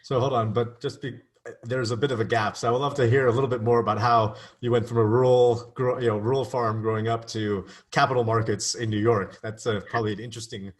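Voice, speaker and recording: A man's voice: mid-range voice, steady tone, fast. A man hosting a podcast interview, friendly and full of fillers and encouraging interjections. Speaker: podcast host. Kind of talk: casual interview conversation.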